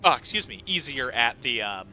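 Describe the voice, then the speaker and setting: A man's voice: medium pitch, big pitch swings, moderate pace, noisy background. A man casually commenting while he plays a horror game, chatty and prone to startled outbursts. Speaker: streamer playing a horror game. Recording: loud game soundtrack behind the voice. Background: loud game music.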